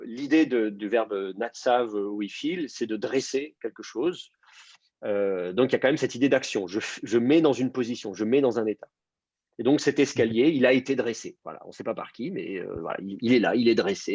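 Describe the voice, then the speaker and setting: A man's voice: lowish voice, creaky, darkish tone, slightly rough, dry recording, dull audio. A man teaching an online class, explaining patiently with many fillers and restarts. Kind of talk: online class on biblical Hebrew.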